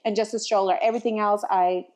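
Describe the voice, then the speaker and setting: A woman's voice: medium pitch, steady tone, quick pace, a little mellow. A young mother co-hosting a podcast, telling stories animatedly with laughs and acted-out exchanges. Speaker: podcast co-host. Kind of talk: casual chat.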